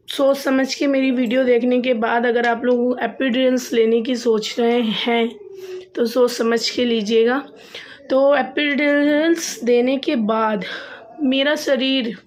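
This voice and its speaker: Chatty young woman recounting a story. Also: high-pitched. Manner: chatty, repeats phrases for emphasis, laughs at herself. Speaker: vlogger. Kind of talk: casual storytelling to camera.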